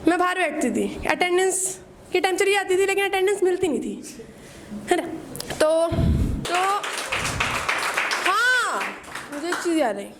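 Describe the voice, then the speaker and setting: A woman's voice: very high voice, sing-song, unhurried, long pauses, a crowd in the background, background noise. A young woman in her twenties doing a first-time stand-up set, telling self-mocking college stories and acting out her strict teachers. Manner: self-mocking storytelling, acts out teachers' scolding. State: nervous, shaking. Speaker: stand-up comedian. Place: small open-mic stage with audience.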